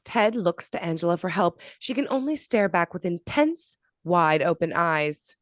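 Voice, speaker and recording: A woman narrates the stage directions of a script at a table read. Her reading has lively pitch movement and a close, dry sound. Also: moderate pace, dry recording.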